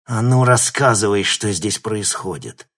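A man's voice: on the low side, animated, unhurried, a bit bright. A man voicing a fierce young male hero who talks in curt, threatening lines in an audiobook. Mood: stern.

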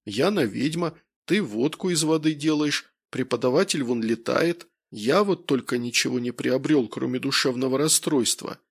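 A man voicing a weary, thoughtful man who speaks slowly and quietly, in an audiobook. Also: medium pitch, breathy edge. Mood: subdued. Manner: slow, subdued.

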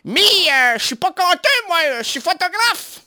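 A man's voice: steady tone, moderate pace, no room sound, studio quality, natural voice. A man putting on a grumbling northern French photographer. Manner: exaggerated regional accent, high and strained.

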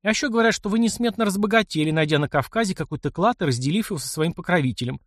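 A sharp-tongued young noblewoman, defiant and quick to tears, her voice lifted high and lively, as a male reader puts her on. She teases and challenges in a dry, close audiobook recording. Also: no room sound. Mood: teasing. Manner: teasing, challenging. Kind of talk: audiobook character voice.

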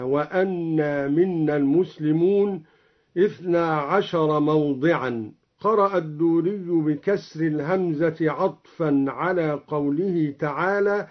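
Unhurried, high-pitched male Quran teacher; measured explanation, then slow melodic chanting. Dull old radio sound. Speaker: Quran reading teacher introducing a recitation.

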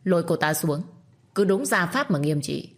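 A woman's voice: lowish voice, lively intonation, normal speed. A woman voicing a stern young man, master of a household, speaking curtly and with scorn. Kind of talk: storytelling with acted dialogue.

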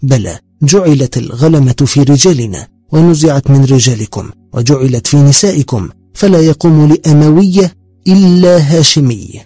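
A man reading the lines of a composed, sharp-tongued male noble who answers insults calmly, in his narrating voice. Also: fairly high pitch, moderate pace, dry recording, faint music behind. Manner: composed, cutting replies.

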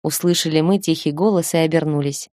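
A woman reading a first-person audiobook in a steady storytelling manner. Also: sits low, quick pace, no echo, studio quality. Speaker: audiobook reader.

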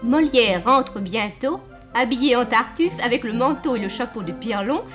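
A woman's voice: fairly high pitch, animated, moderate pace, loud music behind the voice. A woman narrating a play from a script, describing the scenes.

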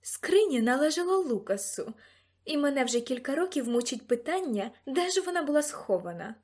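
A woman's voice: high voice, big pitch swings, moderate pace, a little mellow, voice pushed up. A woman voicing an imperious elderly grandmother who speaks in a cold, commanding tone.

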